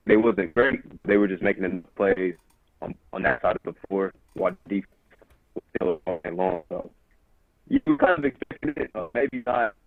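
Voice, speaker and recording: Deep, husky man on a tinny connection. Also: dry recording. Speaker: co-host and analyst on a sports show. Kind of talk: casual game analysis. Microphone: remote call over internet link. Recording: tinny, staticky, laggy remote connection.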